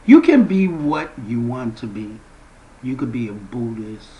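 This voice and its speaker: Slow, animated man preaching to viewers. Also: muffled recording. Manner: slow, emphatic preaching with big swings in pitch and loudness. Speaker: founder of a spiritual movement. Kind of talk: spiritual address to viewers.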